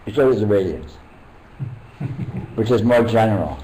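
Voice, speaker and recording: An older man, a meditation teacher, talking casually at a retreat in a halting, rambling way with many restarts. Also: lowish voice, animated, warm tone, poor audio.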